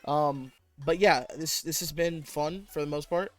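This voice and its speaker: A fairly high-voiced man hosts a casual esports stream, chatty and quick to laugh, his pitch leaping when he gets excited. Faint game music plays under his voice. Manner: laughs often, animated jumps in pitch. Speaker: tournament host and caster.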